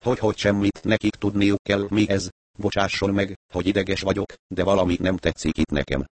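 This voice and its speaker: An anxious, fussy female doctor in an audiobook, read by a man in his own low voice. She talks in worried bursts of questions, in a deep, dry tone with no room sound around it. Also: level tone, no room sound. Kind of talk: audiobook reading.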